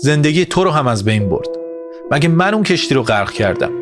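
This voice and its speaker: A man's voice: lowish voice, lightly acted. A man voicing a middle-aged husband who pleads and defends himself in an audio story, over music. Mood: defensive. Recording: music bed behind voice.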